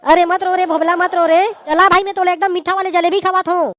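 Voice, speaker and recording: A woman voicing a cautious young village man in a cartoon, with a Chhattisgarhi accent, coaxing and calming his friend. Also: extremely high pitch, brisk, soft background music. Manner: coaxing and soothing. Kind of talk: cartoon voice acting.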